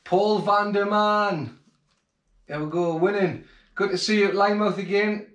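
This Englishman in his forties, host of a fishing channel, has a high, steady, fairly bright voice and speaks at a measured pace. The recording is lo-fi, with roomy home acoustics, as he moves from kitchen to living room. He's chatty, grateful and plain-spoken in his casual vlog.

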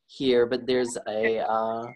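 A man's voice: medium pitch, level tone, slow pace, darkish tone, a little hiss or hum. A young man explaining an idea in a video call discussion, hesitant with many restarts. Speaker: workshop participant. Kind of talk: casual discussion.

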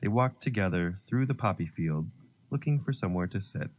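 A man narrating a children's story, gentle and expressive. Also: low voice, brisk, slight background noise.

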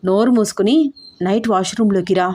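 A woman's voice: medium pitch, fairly even intonation, a little fast, warm tone, close to an everyday voice. A woman voicing a playful, teasing young husband in an audio story, with cheeky, bossy banter. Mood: scheming.

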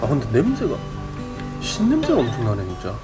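A man co-hosts a casual food show, his pitch swinging freely in a mid register. He is blunt and playful, talking between and through mouthfuls while music plays loudly and food sizzles. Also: sing-song, fast. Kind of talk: casual mukbang chat while eating.

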